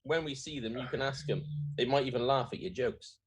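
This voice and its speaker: A man's voice: medium pitch, a little fast, a little hiss or hum. A man playing a tabletop game, casual and dry-humoured as he trades jokes. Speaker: player.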